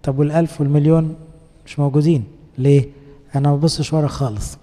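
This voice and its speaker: A man's voice: fairly high pitch, steady tone, fast talker, mellow, long reverb tail. A man with an Egyptian accent, a priest giving a conversational sermon in a coaxing, colloquial way and asking the congregation rhetorical questions. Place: church.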